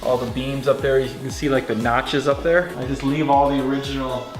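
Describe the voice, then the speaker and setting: A man's voice: mid-range voice, little pitch movement, a little fast. A middle-aged man, a homeowner and furniture maker, explaining things casually in a plain, folksy way. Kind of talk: casual, unscripted house tour explanation. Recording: roomy echo, background music. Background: music.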